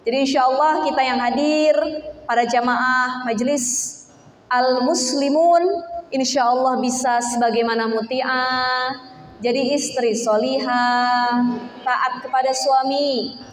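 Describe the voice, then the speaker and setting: A woman preacher giving a sermon to a women's gathering, chatty and animated, acting out the voices in her stories. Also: high voice, slow. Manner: chatty, animated storytelling with acted quotes. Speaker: female preacher. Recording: echoey hall.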